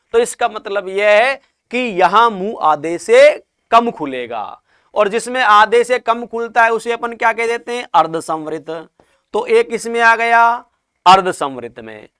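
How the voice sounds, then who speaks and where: A man's voice: very high voice, a bit bright, smooth. A man teaching a classroom lesson, asking questions and answering them himself, and stretching out sounds to demonstrate them.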